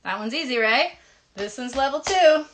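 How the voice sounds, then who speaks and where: On a noisy, click-filled live stream, a woman hosting a children's show teaches and sings a hand game during an interactive play session. She addresses the kids directly with encouraging, instructive directions. Her high voice carries lively intonation at a moderate pace.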